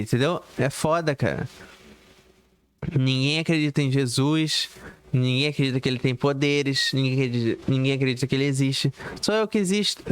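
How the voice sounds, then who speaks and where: A man's voice: mid-range voice, smooth. A man talking alone to his viewers in a rambling, repetitive monologue full of fillers and restarts. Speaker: YouTuber.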